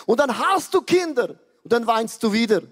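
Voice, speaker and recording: Swiss german pastor in his 50s, really high voice, animated joking sermon, echoey big hall. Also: normal speed. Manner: animated, joking, switches between low quiet asides and raised exclamations. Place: large church hall. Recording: long hall reverb.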